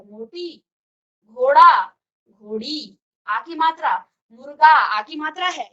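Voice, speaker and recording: A woman's voice: sits high, sharp tone, lo-fi sound. A woman teacher giving a classroom grammar lesson, explaining step by step and asking questions she then answers herself. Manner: explains step by step, often asks and answers her own questions. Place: virtual classroom studio.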